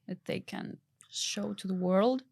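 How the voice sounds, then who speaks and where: A woman who is a design partner and guest, speaking earnestly in a casual conversation and often pausing to search for words. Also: medium pitch, gravelly, darkish tone, breathy edge, no room sound, studio quality.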